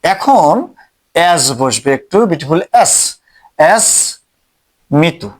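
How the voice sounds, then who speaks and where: A man teaching an English grammar lesson, speaking slowly and repeating each word as he writes it out. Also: fairly high pitch, lively intonation. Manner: slow, repeats each word while writing it out.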